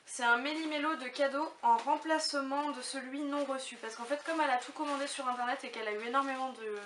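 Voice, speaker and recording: A roomy, slightly distant recording with faint noise carries a woman's fairly high voice. She talks casually to camera like a vlogger unboxing gifts, gushing and thinking aloud as she goes. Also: steady tone, fast talker, a bit bright.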